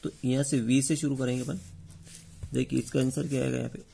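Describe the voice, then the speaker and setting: A man's voice: mid-range voice, level tone, a little fast, gravelly, dark tone, a little hiss or hum. A male teacher going over test answers, often asking the class a question and then giving the answer himself. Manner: repeats key points as questions to the class. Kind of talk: explaining test answers to students.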